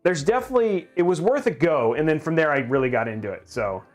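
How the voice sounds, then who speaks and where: Chatty man with a slightly high voice. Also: lively intonation, fast talker. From grew up in Japan. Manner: rambling, chatty, restarts often, reads chat aloud. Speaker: livestream host. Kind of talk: casual live-stream chat.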